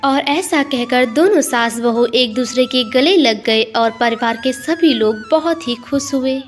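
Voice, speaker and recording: Soft music plays behind a woman as she narrates a scripted family story like a storyteller. Her voice is a touch higher than average, and she doesn't rush.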